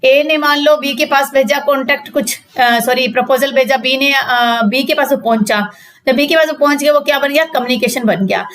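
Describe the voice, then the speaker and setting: Woman law tutor, high-pitched, patient step-by-step explainer who quizzes her class. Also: moderate pace, a bit bright. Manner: explains step by step, repeats questions and answers to students. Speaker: law teacher. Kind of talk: spoken lecture reading out legal text.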